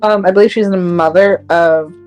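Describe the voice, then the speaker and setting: A woman's voice: lowish voice, steady tone, moderate pace, a little mellow, soft background music. A young woman co-hosting a podcast, chatting casually with lots of fillers and laughs. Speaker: podcast co-host. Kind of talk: casual chat.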